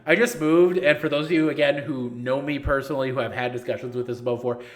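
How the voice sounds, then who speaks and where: A man in his thirties hosts a casual live-stream Q&A for a gaming league, firing back at chat questions with blunt, joking sarcasm. He talks fast, his medium-pitched voice holding a fairly even intonation.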